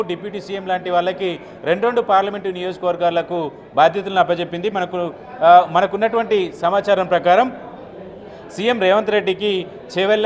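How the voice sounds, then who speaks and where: A man in his thirties giving a live news report outdoors into a handheld mic, steady, with filler sounds between phrases. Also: high voice. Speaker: field reporter. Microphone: handheld channel mic.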